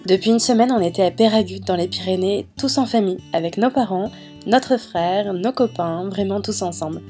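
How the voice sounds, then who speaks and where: A woman's voice: mid-range voice, normal speed, mellow. A woman giving a casual, chatty voice-over narration in the manner of a vlogger. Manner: chatty, informal. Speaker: vlogger narrating a family holiday video. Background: background music.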